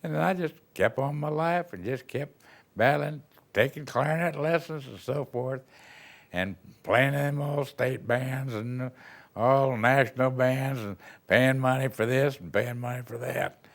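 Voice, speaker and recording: Chuckling as he wanders through folksy anecdotes, a retired band director from Texas looks back on old times in an interview. This older man speaks at medium pitch and in an unhurried manner.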